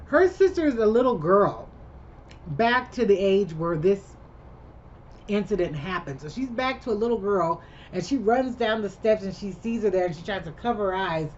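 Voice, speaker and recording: A woman's voice: mid-range voice, lively intonation, normal speed. Chatty lady rambling thru a movie recap, kinda muffled audio. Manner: chatty, rambling storyteller who chimes in with her own reactions. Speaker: vlogger. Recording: slightly muffled with faint background hum.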